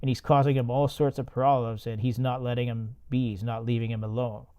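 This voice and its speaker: The voice is a man's, medium in pitch, warm, clear, and resonant, delivered flatly at a fairly quick pace. He hosts a podcast reacting to and recapping a movie, staying laid-back, swearing, and laughing at his own jokes.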